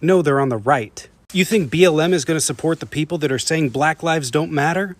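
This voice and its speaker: A man's voice: on the high side, brisk. A man making a combative, mocking rebuttal video in casual speech.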